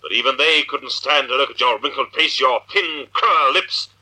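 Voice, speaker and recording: An actor playing an unseen menacing avenger, stern and accusing, in theatrical vintage radio drama style. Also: male voice, medium pitch, normal speed, bright, forceful tone, slightly rough, rough recording. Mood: relentless taunting. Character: the Shadow, unseen menacing avenger taunting wrongdoers. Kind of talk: 1940s radio drama acting.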